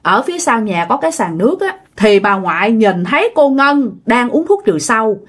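A woman tells a ghost story casually, turning to her listeners as she goes. Her voice is fairly high and very lively in pitch. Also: normal speed. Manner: chatty, addresses listeners directly.

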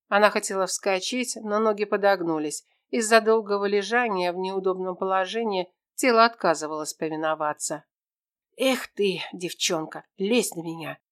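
A woman narrating a fantasy novel in an even, measured reading voice. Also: mid-range voice, clean tone. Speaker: audiobook narrator. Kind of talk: scripted storybook narration.

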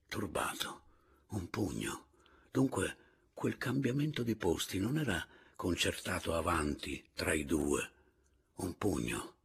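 A man reading a literary novel aloud in a measured, expressive way. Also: low voice, vocal fry, slightly rough. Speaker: audiobook reader. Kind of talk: literary audiobook narration.

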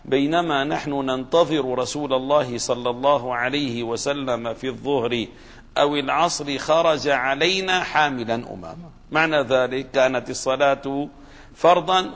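A man's voice: medium pitch, a bit bright. Man teaching hadith in a reverberant hall. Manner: explanatory, spells out name vowels carefully. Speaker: religious teacher. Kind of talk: lecture on hadith commentary.

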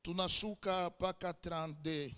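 A man preaching a sermon in a rhythmic, sing-song cadence, pausing for his interpreter. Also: high-pitched, steady tone, fairly bright tone, smooth, long reverb tail.

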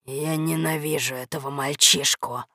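A woman's voice: low voice, fairly even intonation, moderate pace, no echo, studio quality, voice pushed down. A woman doing a roaring angry bear. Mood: indignant. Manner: roaring, indignant shouts. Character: angry growling male bear, gruff and grumpy. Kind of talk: storybook reading.

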